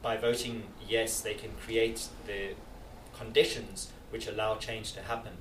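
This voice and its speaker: With a voice on the low side and little pitch movement, a South African campaigner responds to interview questions at a measured pace. He is earnest and forceful, often beginning sentences again. Echo and faint noise are audible in the room.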